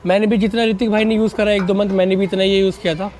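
Speaking fast and flat in a high, slightly mellow voice, a young man in his 20s vlogs about motorcycles. He addresses viewers casually as buddies and mixes English words into the chat. The setting is a narrow residential street outdoors, captured with a wired lavalier microphone.

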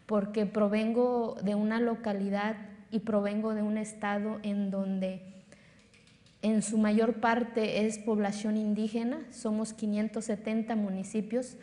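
On a lit stage in a large hall, a Oaxacan woman in her thirties addresses an audience with earnest emphasis, repeating phrases for force. Zapotec is her first language, and she has a Mexican Spanish accent. Her warm, mid-range voice is flat and measured, echoing in the reverberant hall.

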